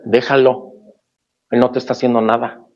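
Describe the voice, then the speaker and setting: A man's voice: medium pitch, level tone, normal speed, a little mellow, lo-fi sound, natural voice. A man doing a whiny overprotective mother. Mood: pleading. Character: doting overprotective mother pleading for her son.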